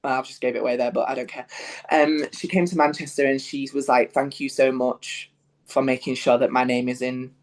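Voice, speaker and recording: Speaking a little fast with fairly even intonation, this mid-range male voice belongs to a young Yorkshireman with a Northern English accent. He's a musical theatre performer chatting casually as an interview guest, often using fillers and starting sentences over.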